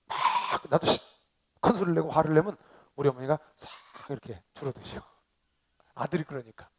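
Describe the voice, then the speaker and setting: Pastor, male, high-pitched; sermon delivery, leads call-and-response, jumps from loud to hushed. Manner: emphatic, swings between loud exclamations and quiet asides. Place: convention hall seminar.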